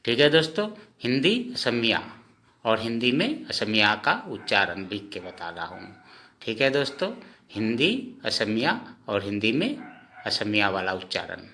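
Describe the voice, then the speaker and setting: A man teaching a lesson, repeating each sound slowly and asking his own questions before answering them. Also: lowish voice, very animated, pushed and bright, a little hiss or hum. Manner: often says "okay friends". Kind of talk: slow spoken lesson.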